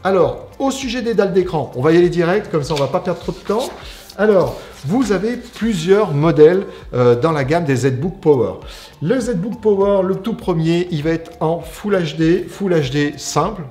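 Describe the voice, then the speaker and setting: A man's voice: a little high, darkish tone. A man from an IT company giving a casual, chatty unboxing review, explaining as he goes. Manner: chatty, explanatory, frequent "alors" and "on va dire". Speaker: IT company presenter.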